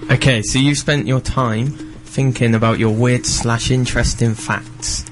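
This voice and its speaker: A man's voice: medium pitch, fairly even intonation, measured pace, over music. A young man chatting casually as the co-host of a radio show.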